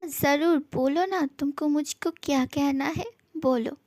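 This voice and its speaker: A woman's voice: sits high, a little slow, darkish tone, dry recording. A woman voicing a young husband in a fan audio drama, tender and pleading one moment, teasing and mock-threatening the next. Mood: soothing.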